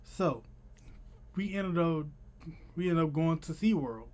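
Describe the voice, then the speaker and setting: A young adult man with a slightly high voice tells a story in a loose, chatty vlog style. He has a noticeable lisp, his s sounds coming out slushy like sh. His wording is informal and slangy, recorded at home a little way from the mic. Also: expressive, takes it slowly, a little mellow. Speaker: vlogger. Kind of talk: casual storytelling to camera. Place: small room at home.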